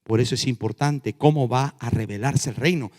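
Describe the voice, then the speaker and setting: A male pastor preaching a sermon, swinging from loud emphatic lines down to hushed ones. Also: medium pitch, moderate pace. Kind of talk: Spanish-language sermon. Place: church. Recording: long church reverb.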